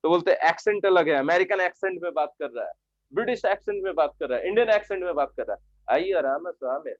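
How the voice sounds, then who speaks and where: Here the same kind of Hindi-language online lesson on English vocabulary is led by a male teacher whose voice is a little high, expressive and fast, without echo. Over and over he restates his questions and demands yes or no from the class, captured through an online class mic in flat, dry lecture sound.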